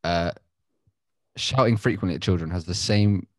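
A man's voice: low-pitched, moderate pace, no room sound. A man co-hosting a casual group podcast, explaining a point at length with many fillers. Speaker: podcast co-host.

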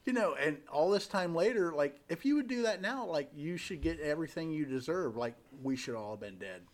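A man in casual podcast chat, telling a story loudly with lots of swearing and laughter. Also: on the high side, animated, fairly quick. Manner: profane, loud storytelling with laughter. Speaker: podcast co-host.

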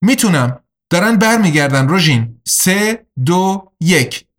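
A man voicing a sharp, determined young woman in an audiobook, speaking in an earnest, urgent way. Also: on the low side, expressive, close to an everyday voice.

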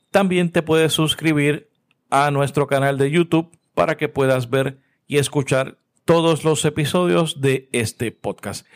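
A man from Puerto Rico hosting a podcast, reading his intro and sign-up plugs in an announcer-like way. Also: a little high. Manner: announcer-like, lists platforms evenly. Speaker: podcast host.

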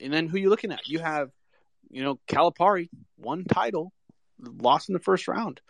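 A man's voice: a little high, normal speed, vocal fry, no room sound, poor audio. Casual American man, dry close sound. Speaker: co-host of a live sports audio chat. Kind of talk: casual sports talk.

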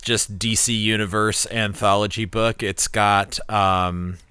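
A man's voice: fairly low pitch, fairly even intonation, slow, bright, forceful tone, clean tone, dry recording. A man co-hosting a casual podcast, talking in a laid-back, wry way with lots of fillers. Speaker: podcast co-host. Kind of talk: casual chat.

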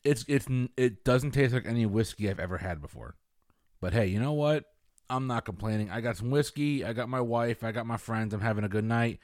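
A man's voice: medium pitch, brisk, darkish tone, no room sound, studio quality. A young adult man hosting a casual online show, upbeat and joking in easy conversation with friends. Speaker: host. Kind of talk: casual chat.

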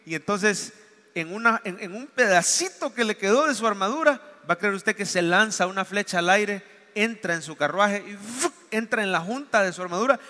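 A man's voice: sits high, normal speed. A man preaching a sermon as a pastor, telling the story with acted-out dialogue. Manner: animated storytelling, acts out dialogue. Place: church. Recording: long hall reverb.

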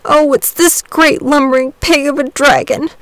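A woman voicing a tired, tearful little boy who pleads in a high, sobbing voice. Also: measured pace, no room sound, low-quality recording.

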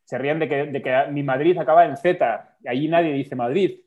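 A man chatting casually on a podcast, telling anecdotes in a relaxed way. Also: on the high side, a little fast, phone-quality sound. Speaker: podcast co-host. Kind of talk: casual chat, storytelling.

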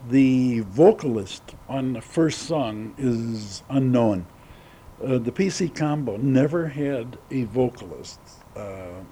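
An older man giving unscripted spoken notes about an archival band recording, in a halting, deliberate way with long pauses, on a home cassette. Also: mid-range voice, mellow, a little hiss or hum.

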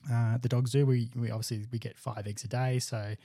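A man's voice: medium pitch, little pitch movement, a little fast, warm tone, no room sound, clean studio sound. A young man chatting casually as a podcast co-host, rambling with restarts. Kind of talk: casual chat.

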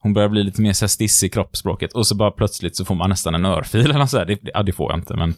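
A man tells stories in a relaxed podcast chat. He is a lecturer and acts out what people said in his stories. The sound is close and dry, with no room echo. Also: lowish voice. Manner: lively storyteller who acts out the quotes. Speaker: lecturer on behaviour and body language. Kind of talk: casual podcast chat, storytelling.

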